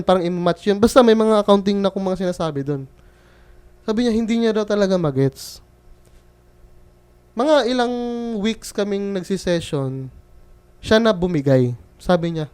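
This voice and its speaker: A man's voice: sits high, a little mellow, smooth. A young man from the Philippines, a freelance bookkeeper telling a story in a casual, joking vlog style. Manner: chatty, joking storyteller who quotes others.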